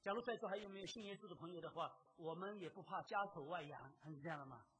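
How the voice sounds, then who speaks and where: A preacher delivering a sermon, emphatic and full of rhetorical questions, swinging between loud exclamations and quiet asides. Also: medium pitch, fast talker, husky, rough recording.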